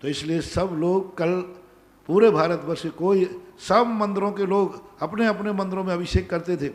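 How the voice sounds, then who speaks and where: A man's voice: high-pitched, moderate pace, big-room sound. A male Jain monk giving a sermon, emphatic, repeating his commands to the devotees. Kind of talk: sermon answering devotees' questions. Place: large pandal, nearly empty.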